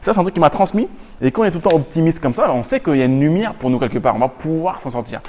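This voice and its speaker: A man summarizing business tips to his viewers in a casual, energetic way, repeating key phrases and reading quotes in English. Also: on the high side, racing, long reverb tail. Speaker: business YouTuber. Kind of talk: casual book summary to camera.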